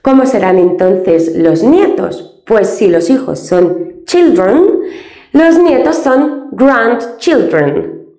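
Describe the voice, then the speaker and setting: A woman teaching an English grammar lesson step by step, patient and explaining things slowly with many diminutives. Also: a little high, lively intonation, warm tone, roomy sound, soft background music.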